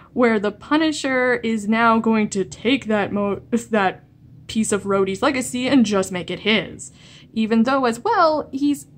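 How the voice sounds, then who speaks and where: Woman ranting on her vlog, kinda high voice, sarcastic and fed up, keeps tripping over her words. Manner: exasperated, sarcastic, stammering restarts. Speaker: comic-book video blogger.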